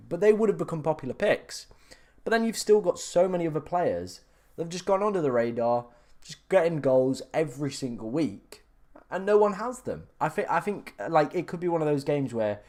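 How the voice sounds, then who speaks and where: A young Englishman streams live as a fantasy football streamer, answering chat by reading viewer questions aloud and talking through options. He's chatty, uses lots of fillers and often restarts. His voice is fairly high with a darkish tone.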